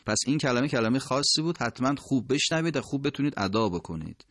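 A man gives a recitation lesson, pausing to stretch out each example word slowly and carefully. His voice sits at a middling pitch. The sound is dry and close, with no room around it. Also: expressive, a bit bright, dry recording. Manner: slow, drawn-out demonstration of words. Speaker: Quran recitation teacher. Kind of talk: tajwid lesson explaining pronunciation.

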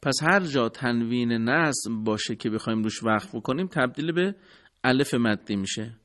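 A man teaching Quran recitation in a scripted radio lesson, formal and courteous, explaining step by step. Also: on the high side.

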